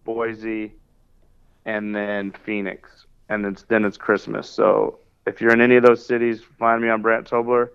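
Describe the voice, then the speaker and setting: A man's voice: on the low side, level tone, unhurried, vocal fry, a bit bright, clear, resonant tone, highs cut off. A man, a comedian guest, chatting casually in an interview about his shows.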